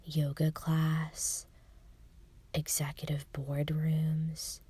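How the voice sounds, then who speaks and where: A woman whispering deadpan jokes in an ASMR style, in a breathy voice with a deliberate delivery. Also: low voice, dry recording. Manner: slow, deliberate delivery with short list items.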